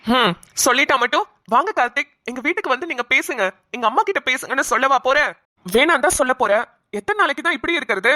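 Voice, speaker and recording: A woman's voice: sits high, expressive, bright, forceful tone, no room sound, studio quality. A woman voicing a young male doctor in a cartoon, pushy and demanding as he presses his girlfriend for an answer. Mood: insistent. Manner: pushy, demanding, rapid questioning. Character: young man, insistent doctor pressing for marriage. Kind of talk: cartoon voice acting.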